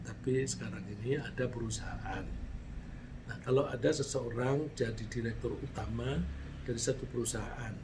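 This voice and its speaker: A man preaching a sermon. He explains his points with everyday examples, lets his voice rise for emphasis and then fall away, and recites Arabic verses before translating them. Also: mid-range voice. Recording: faint background noise.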